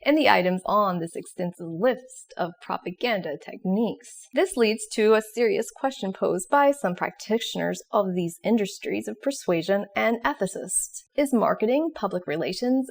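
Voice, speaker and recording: A woman presents an educational explainer for a video series in scripted narration. Her voice is mid-range, with vocal fry.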